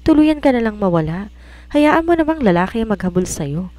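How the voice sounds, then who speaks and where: A woman's voice: on the low side, lively intonation, moderate pace, dry recording, natural voice. A woman voicing an angry, drunk young man who coldly pushes a woman away in an audio romance story. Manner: cold, cutting, shouting.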